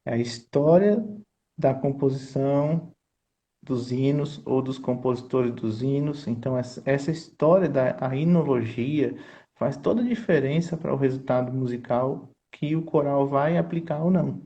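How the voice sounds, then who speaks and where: A man's voice: medium pitch, normal speed, mellow. A man, a choir conductor and composer, explaining his craft in an earnest, teacherly way and often checking in with his listener. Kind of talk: explanatory conversation.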